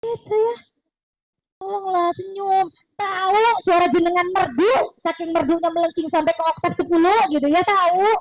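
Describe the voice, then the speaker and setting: A woman giving a religious parenting talk in a lively, chatty way, slipping in words and acting out other people's lines. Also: extremely high pitch, normal speed, rough recording. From East Java. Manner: lively, chatty, mixes Javanese words, acts out voices of others. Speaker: parenting seminar speaker. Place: mosque hall.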